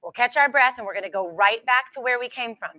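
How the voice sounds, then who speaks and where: A woman fitness instructor with a fairly high, very bright and forceful voice, recorded dry and close. She coaches a group workout in short, repeated cues and countdowns, with steady encouragement and reassurance. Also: quick pace, no room sound, poor audio. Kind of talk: live group exercise class coaching.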